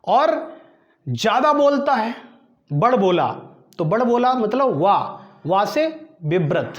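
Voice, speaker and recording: A high-pitched, very animated man drills exam-prep grammar, asking quiz questions and answering them himself while repeating terms slowly and deliberately. The echoey room and muffled recording blur the sound.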